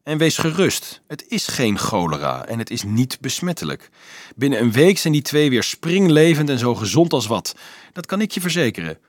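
A man's voice: medium pitch, big pitch swings, moderate pace, no room sound, studio quality. A man voicing a sly young student who speaks in a mocking, offhand way in an audiobook.

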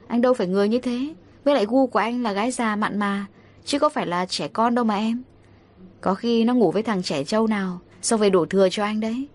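A woman's voice: medium pitch, lightly acted. A woman voicing a deceitful stepfather who talks in a coaxing, defensive way. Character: smooth-talking deceitful stepfather, man.

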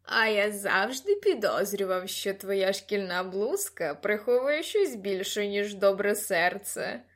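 A rowdy teenage boy with a slightly lowered voice, shouting and teasing with crude humor, as a woman puts him on. His delivery is boisterous and pushy, the voice of a storybook party clown. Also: expressive, slow.

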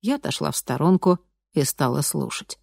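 An audiobook narrator reading a first-person crime story in even storytelling tones. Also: mid-range voice, moderate pace, vocal fry, no echo, clean studio sound. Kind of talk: scripted narration.

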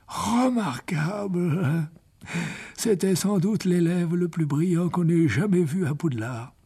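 A man reading an audiobook, voicing a gentle, slow-spoken old male wizard headmaster who chuckles and repeats himself. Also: high-pitched, creaky, husky, voice pushed up, heavily acted. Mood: musing. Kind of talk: audiobook character voice.

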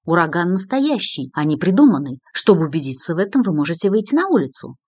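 A woman's voice: fairly low pitch, big pitch swings, fast, darkish tone, husky, dry recording. A woman reading the lines of a composed male private investigator with a dry, ironic manner.

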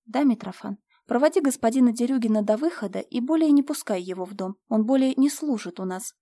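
A woman's voice: fairly high pitch, expressive, a little fast, dark tone, no room sound, studio quality. Woman reading a cool, firm young noblewoman. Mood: composed. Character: calm, firm young noblewoman managing an estate.

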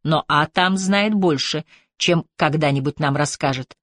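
A woman's voice: sits low, a little slow, a bit bright, no echo. A woman narrator voicing a stern, arrogant male police superintendent who gives curt orders. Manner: curt, haughty commands.

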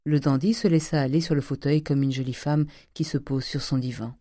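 Casting: woman narrator for a classic audiobook, low, mellow, measured delivery. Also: fairly even intonation, no echo, studio quality. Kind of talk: scripted narration.

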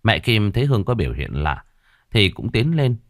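A man with a low voice narrates a ghost story in a dramatic, expressive way. His pitch rises and falls a lot, and the recording is dry and close, with faint music underneath. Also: moderate pace, no echo.

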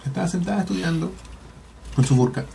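A man's voice: high voice, fast, gravelly, dark tone, slight background noise. Slangy Chilean man recapping casually. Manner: slangy, rambling, full of colloquial swearing. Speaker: podcast host. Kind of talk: casual chat recapping a TV episode.

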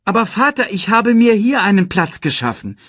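A man voicing Simba, an earnest young male lion who cries out in a high, emotional voice. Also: very animated, takes it slowly, fairly bright tone, breathy edge, no room sound, clean studio sound, exaggerated voice. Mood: pleading.

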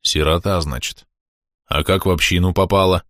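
A man reading an audiobook, voicing a brooding, violent man with a hoarse, growling voice. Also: sits low, fairly even intonation, normal speed, a bit bright, no echo, clean studio sound. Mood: gruff. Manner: menacing, growling.

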